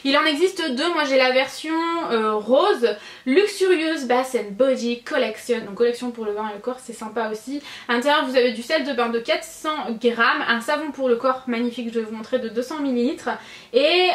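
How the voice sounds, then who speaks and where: A woman's voice: fairly high pitch, echoey room. A woman beauty vlogger casually reviewing gift sets, chatty and gushing, with many fillers and self-corrections.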